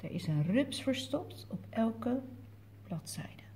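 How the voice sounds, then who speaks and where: A woman with a Dutch accent reading picture books aloud to toddlers in a gentle way, asking the children questions. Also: mid-range voice, expressive, a little hiss or hum. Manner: gentle, slow storytelling that asks the children questions. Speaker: children's story reader.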